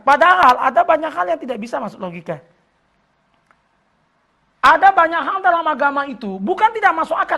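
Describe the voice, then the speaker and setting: A man preaching a sermon to a study gathering. He recites scripture slowly, explains it plainly, and jokes with the audience. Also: extremely high pitch. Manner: joking with the audience, voice rising when animated. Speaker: Islamic preacher.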